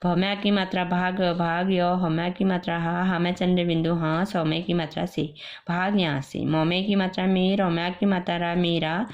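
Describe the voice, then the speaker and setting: A woman schoolteacher with an Indian accent and a lowish voice carefully spells out each syllable of a story for small children. She keeps a slow, patient classroom manner throughout. The recording is muffled and lo-fi. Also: little pitch movement. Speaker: primary school teacher. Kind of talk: reading a children's story aloud, sounding out syllables. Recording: dull lo-fi recording.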